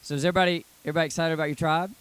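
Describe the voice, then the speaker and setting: A man, working as a youth pastor, addressing a youth group live. He is loud and energetic at first, then earnest and lower. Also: very fast, clean tone.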